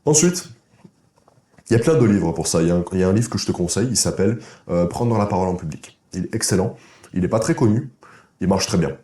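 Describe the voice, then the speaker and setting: A man's voice: sits low, expressive, fast talker, dark tone. A man coaching viewers in a direct-to-camera vlog, blunt and informal, speaking to the viewer as a buddy and checking in with "ok?". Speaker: masculinity and dating coach. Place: indoor room. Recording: echoey room.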